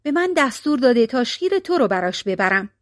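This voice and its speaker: A woman's voice: on the high side, sing-song, no room sound, studio quality. A woman reading the lines of a brave, dutiful young archer in a folk tale. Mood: earnest.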